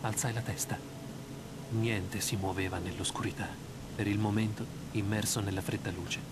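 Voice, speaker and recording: An actor voicing a tense male writer narrating his own nightmare in a dubbed video game. His voice sits low and grave, the delivery measured like a storyteller's. A clear hiss of game noise sits behind him. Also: fairly even intonation, natural voice. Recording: game audio with background noise.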